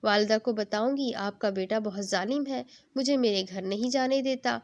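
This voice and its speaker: A woman's voice: a little high, muffled recording, natural voice. A woman reading a sweet, teary young bride who pleads affectionately. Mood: pleading.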